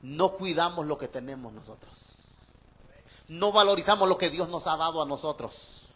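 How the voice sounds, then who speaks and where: A male pastor delivers an animated sermon. His voice sits high and sounds bright and forceful. He keeps turning to the congregation with rhetorical questions. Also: moderate pace.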